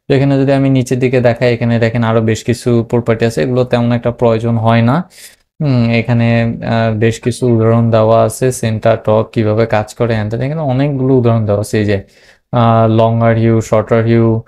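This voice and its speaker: A man with a relaxed, warm tone and a middle pitch talks through a screen-recorded coding tutorial. He thinks aloud, fills pauses with "ah" and "umm", and spells out code as he types. He is from Bangladesh. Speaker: programming tutor.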